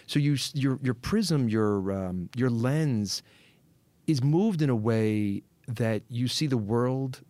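A man's voice: mid-range voice, expressive, slow, dark tone, dry recording. A middle-aged man co-hosting a podcast, talking in a reflective, rambling way with frequent restarts. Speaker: podcast co-host. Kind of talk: casual chat.

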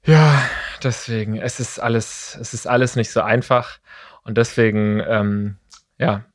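A man, telling an animated story in a casual podcast chat and jumping up in pitch when he quotes himself. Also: a little slow, no room sound, studio quality. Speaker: podcast co-host.

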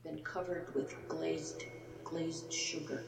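A woman slowly listing the foods she wants, her voice given reverb so it sounds like it comes through a loudspeaker. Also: low voice, little pitch movement, gravelly. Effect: added reverb, like a voice through a loudspeaker. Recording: reverberant clip with faint background hum.

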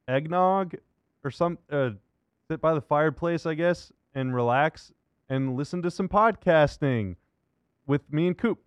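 A sports radio and podcast host with a fairly high-pitched voice talks about basketball in a casual, conversational way, giving an upbeat show intro and interview. The recording has no room sound.

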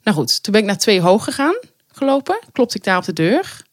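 A woman co-hosting a podcast, telling an anecdote in casual chat with animated storytelling. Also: mid-range voice, fairly quick, dry recording. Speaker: podcast co-host.

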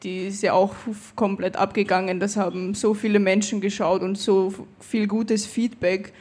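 A woman's voice: mid-range voice, flat delivery, moderate pace, darkish tone. A young woman from Vienna with an Austrian German accent, chatting casually as a guest footballer in an interview. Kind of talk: casual conversation at a live audience event.

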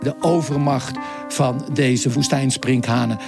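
A man's voice: mid-range voice, steady tone, unhurried, vocal fry, music in the background. A male correspondent telling a radio interview about events around him, in a vivid, chatty way with frequent hesitations. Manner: vivid, conversational storytelling with hesitations. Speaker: foreign correspondent. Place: Nairobi, Kenya.

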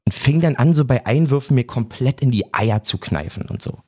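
A man in his thirties from Germany, chatting casually on a podcast, telling a story in slang and acting out quotes loudly. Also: medium pitch, lively intonation, brisk. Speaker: podcast host telling an anecdote.

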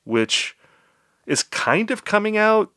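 A man's voice: high-pitched, sing-song, takes it slowly, sharp tone, smooth, no echo, clean studio sound. A man co-hosting a music podcast, chatting casually and playfully with his co-host. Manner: chatty, playful, slips into put-on accents. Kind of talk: casual chat.

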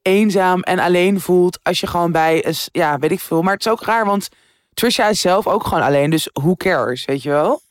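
A woman's voice: on the low side, normal speed, dry recording, clean studio sound. A woman in her thirties co-hosting a podcast, telling stories with slang and frequent laughter. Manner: giggly, slangy, lively storyteller. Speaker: podcast co-host. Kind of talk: casual chat.

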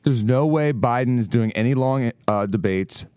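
Blunt guy on a talk panel, mellow dark voice, insistent, casual, dry sound. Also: mid-range voice, moderate pace, smooth, no room sound. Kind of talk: casual opinionated chat.

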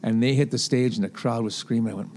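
A man from a festival's booking team telling animated stories in an interview, acting out what people said. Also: medium pitch, fast talker, a little hiss or hum. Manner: animated anecdote teller, acts out quotes. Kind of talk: storytelling interview.

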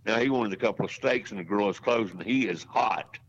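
This man in his sixties, a racetrack announcer, guests on a podcast and spins folksy, meandering stories, often restarting. His voice sits on the low side and moves fairly quickly. The audio is dull and lo-fi, with a little hiss or hum.

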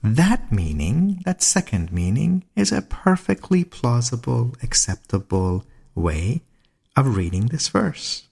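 Slow, gravelly man giving a spiritual talk. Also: mid-range voice, darkish tone. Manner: slow, deliberate, with dramatic pauses. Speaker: lecturer on mysticism.

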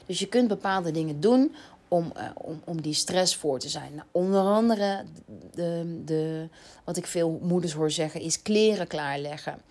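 A woman's voice: on the low side, measured pace, a little mellow. A woman in her thirties with a Dutch accent, hosting a podcast and giving casual advice in a chatty way, with many fillers and self-corrections. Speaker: podcast host.

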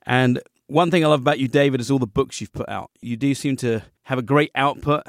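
This male podcast host keeps a casual interview light with jokey, self-deprecating humor, speaking a little fast in a mid-range voice. The sound is clean studio audio with no echo.

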